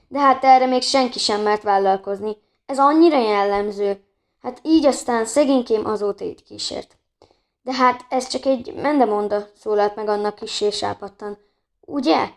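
A woman's voice: fairly high pitch, a little mellow. A woman reading a children's book aloud, who often stumbles and restarts words. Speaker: audiobook reader.

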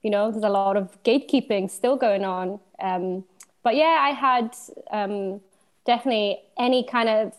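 A woman from Slovenia in her thirties, a DJ guest talking in a relaxed, thoughtful way, with many pauses and easy laughs. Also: medium pitch. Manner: thoughtful, hesitant, laughs easily. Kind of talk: casual interview chat.

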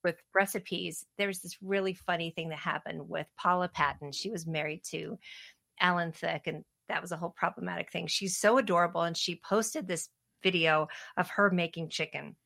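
A woman co-hosts a casual podcast, talking in a chatty, playful way and laughing often. Her voice sits a bit low, with a gravelly fry and a bright edge. The sound is dry and close. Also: steady tone, normal speed, no room sound. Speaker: podcast co-host. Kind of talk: casual chat.

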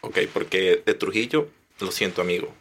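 A Venezuelan comedian with an Andean Táchira accent, chatting casually with a friend in a rambling, gossipy way. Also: male voice, low-pitched, expressive, normal speed, fairly bright tone. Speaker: guest comedian. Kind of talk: casual chat between friends.

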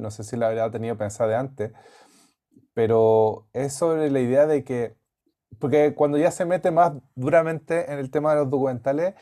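Male podcast co-host, warm mellow tone, reflective and searching delivery. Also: medium pitch. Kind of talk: casual film discussion.

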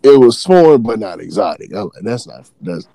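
A man from Texas, telling a work story in loose, profane, animated casual chat. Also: on the low side, brisk, creaky, dry recording.

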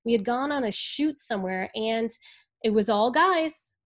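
A woman speaking as an interview guest, earnest and reflective, talking in halting bursts as she thinks things through. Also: a little high, lively intonation. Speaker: guest speaking about the ad industry. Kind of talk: candid interview conversation.

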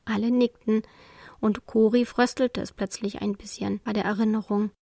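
A woman narrating a children's storybook in a calm, expressive way. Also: medium pitch, moderate pace, creaky, dry recording, clean studio sound.

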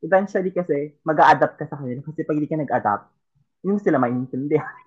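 A woman co-hosting a casual podcast chat, speaking haltingly with frequent restarts and mixing Filipino with English. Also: deep voice, animated, husky, dull audio. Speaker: podcast co-host.

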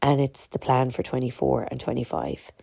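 A woman's voice: rumbling low, big pitch swings, normal speed, creaky, dark tone, slightly rough, no room sound, studio quality. A middle-aged Irish woman with a stuffy, congested nose, talking candidly and emphatically in a chatty motivational podcast monologue to her listeners. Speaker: podcast host, fitness community organiser.

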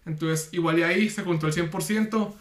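A man's voice: on the high side, brisk. A man with a Mexican accent chatting casually and candidly, poking fun at himself. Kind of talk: casual podcast chat. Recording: roomy echo.

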